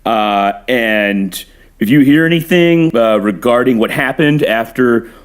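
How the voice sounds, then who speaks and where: A man's voice: mid-range voice, animated, a little slow, clean tone, close to an everyday voice. A man playing a sheepish surfer best friend who talks hesitantly and over-earnestly.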